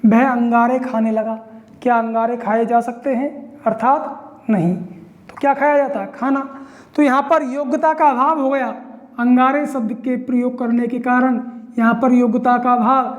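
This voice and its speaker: High-voiced woman teaching grammar. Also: fairly even intonation, moderate pace. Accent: Hindi. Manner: explains step by step, asks and answers own questions. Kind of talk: online grammar lesson.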